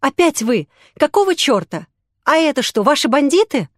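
A woman voicing a frightened, defiant young woman in an audiobook, speaking in a sharp, snapping way. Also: high voice, very animated, normal speed, no echo, studio quality, voice pushed up.

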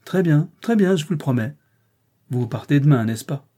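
A man reading an audiobook, voicing a brusque, teasing wealthy gentleman employer. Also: on the high side, expressive, moderate pace, pitched above the performer's own voice.

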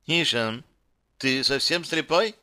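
A man's voice: fairly high pitch, slow, pushed and bright, voice pushed up, exaggerated voice. A man voicing a sarcastic, bloodthirsty young female kidnapper who talks in a mocking, snappy way.

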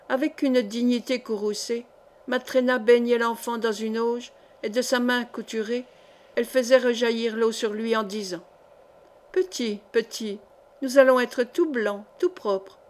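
A woman narrates a literary short story in a measured, steady way. Her voice sits a touch high, and the delivery is calm and careful. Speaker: audiobook reader.

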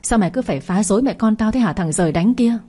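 A woman reading the part of a scheming, cruel middle-aged stepmother, speaking with quiet, cutting spite. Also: medium pitch, expressive, fast talker, lightly acted. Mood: cold spite.

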